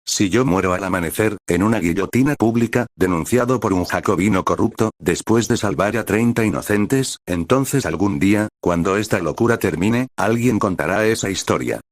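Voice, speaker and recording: A worn-out young soldier facing death, as a man plays him, speaking slowly and hoarsely with quiet resolve. The voice is very deep and dry. It is a storybook reading. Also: no echo, lightly acted. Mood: resolute. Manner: slow, tired and hoarse. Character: weary condemned male soldier, calm and resolute.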